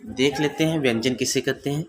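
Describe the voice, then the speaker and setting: A man's voice: medium pitch, fairly quick, a little hiss or hum. A man teaching an exam-prep grammar lesson, asking his own questions and answering them, repeating each term.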